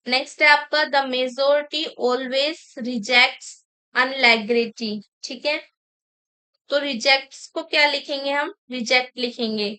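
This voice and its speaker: Slow, bright-voiced woman teaching grammar. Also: a little high, clear, resonant tone, poor audio. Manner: slow, deliberate dictation of example sentences; mixes Hindi explanation with English sentences. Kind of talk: exam-prep grammar lesson.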